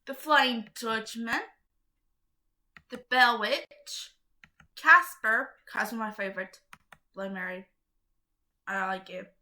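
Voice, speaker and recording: A woman's voice: a little high, slow pace, long pauses, bright, forceful tone. A woman hosting her own channel, reading aloud to viewers in a casual, chatty way, giggling often and getting easily sidetracked. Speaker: channel host.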